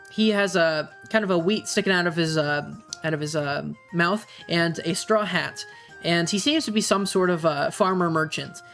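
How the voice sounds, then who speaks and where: A game master improvising tabletop narration in a hesitant, halting way, searching for words. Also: mid-range voice, a bit bright.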